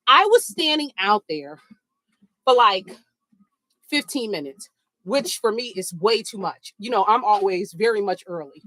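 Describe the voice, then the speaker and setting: A woman telling a funny story in a sassy, animated way, talking to listeners as girl and baby while she walks on a treadmill. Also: medium pitch, measured pace, no room sound. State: walking on a treadmill. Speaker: podcast host. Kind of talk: casual storytelling while walking. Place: home treadmill, indoors.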